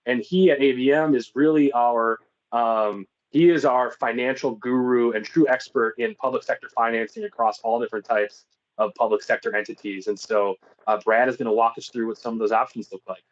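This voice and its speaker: A man's voice: mid-range voice, steady tone, a little fast, muffled recording. A man giving an informal business presentation in an explanatory, conversational way.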